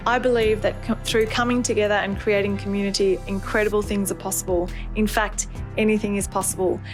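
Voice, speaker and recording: A woman's voice: medium pitch, flat delivery, fairly quick, music in the background. A woman hosting a podcast, speaking earnestly and admiringly as she opens the show and interviews her guest. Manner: earnest, admiring, with some fillers and restarts. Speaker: podcast host.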